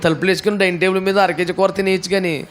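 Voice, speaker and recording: A man's voice: high voice, flat delivery, rapid-fire. A male pastor preaching a sermon, telling a Bible story dramatically with voiced characters and rhetorical questions. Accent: Telugu. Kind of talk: Telugu sermon with acted Bible scenes.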